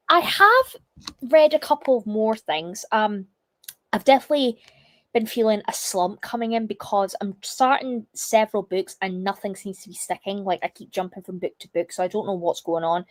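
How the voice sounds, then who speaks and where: Chatty woman, slightly croaky. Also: medium pitch, no echo. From United Kingdom. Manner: chatty, reads chat comments aloud, many fillers. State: slightly croaky from a lingering cough. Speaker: livestream host. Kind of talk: casual livestream chat.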